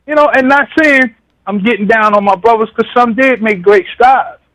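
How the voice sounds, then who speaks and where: A man with a high-pitched voice talks as a caller on a radio show. His delivery is casual and slangy, and he keeps checking in with tags like "you know.". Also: normal speed, fairly bright tone, low-quality recording. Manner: slangy, conversational, repeats "you know what I'm saying". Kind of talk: casual call-in monologue.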